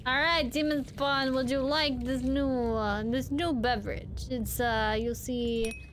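A woman's voice: high voice, fairly even intonation, takes it slowly, noisy background. A woman streaming a game, talking sarcastically to the characters as she plays. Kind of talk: casual gameplay commentary. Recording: loud game music behind. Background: game music.

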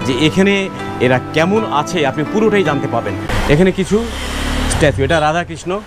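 Lively male street vlogger over music. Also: on the high side, normal speed. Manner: lively, keeps addressing the audience directly. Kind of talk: walking street vlog, talking to viewers. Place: busy city market street outdoors.

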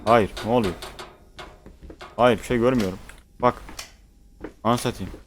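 A man's voice: mid-range voice, fairly even intonation, moderate pace, slight background noise. A man commentating on a horror game as he plays, cursing constantly and reacting jumpily to scares. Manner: swears constantly, jumpy and panicky. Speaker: gaming streamer.

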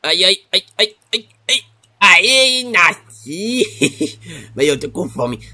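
A man's voice: sits high, sing-song, takes it slowly, sharp tone, a little hiss or hum, exaggerated voice. A man voicing a hungry, clingy newborn creature hatchling that whines and repeats its words in a game role-play. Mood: hungry, whiny.

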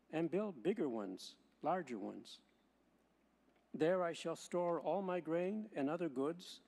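A man, a priest, reading the gospel and preaching in a measured way, slowing to stress key words, with a long church echo around his voice. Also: a little high, a little mellow. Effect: long church hall echo. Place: large church. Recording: long reverb of a large church.

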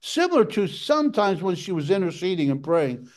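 High-voiced impassioned male preacher. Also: very animated, a little fast, darkish tone. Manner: impassioned preaching, jumps to a high pitch for emphasis. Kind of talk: sermon.

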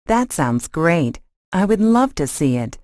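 A woman's voice: lowish voice, sing-song, measured pace, darkish tone, no room sound, studio quality. A woman acting an agreeable, interested friend in a scripted language lesson dialogue, with careful short sentences.

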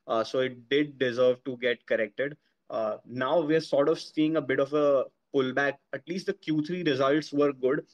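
A man with an Indian accent, interviewing a guest on a podcast and asking measured questions with many fillers. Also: medium pitch, dull audio.

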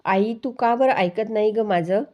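A woman's voice: mid-range voice, unhurried, darkish tone, lightly acted. A woman reading a bossy young wife. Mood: complaining. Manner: stern, commanding, read out plainly. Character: bossy young wife, scolding her husband.

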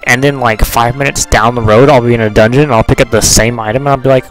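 A man's voice: medium pitch, steady tone, fast talker, poor audio. A man giving casual, rambling, joking commentary as he plays a video game. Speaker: let's player. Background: video game music.

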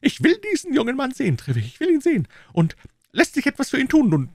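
A man reading aloud and voicing an excitable, proud king in a high, shrill, eager and commanding voice. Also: quick pace, no room sound, studio quality, heavily acted. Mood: excited.

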